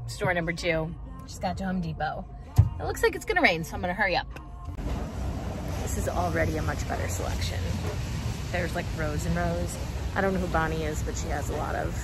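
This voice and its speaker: A woman's voice: on the low side, noisy background. A woman in her thirties talking casually into a phone held at arm's length, chatty and upbeat, with fillers and small laughs. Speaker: vlogger. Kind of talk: casual vlog chat. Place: rooftop, car, store and city balcony. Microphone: phone camera held at arm's length.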